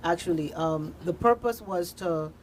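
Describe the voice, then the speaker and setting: An unhurried woman with a fairly low pitch speaks as a studio guest; she produces radio drama. Her manner in the discussion is earnest and conversational, with repeated phrases for emphasis, and the recording has noticeable background noise and room ambience.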